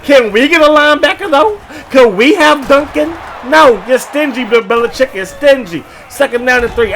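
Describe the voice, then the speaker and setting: A man giving lively, joking play-by-play commentary over a football video game, often bursting into shouts. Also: very high-pitched, slight background noise. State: short of breath at times. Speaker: gaming YouTuber.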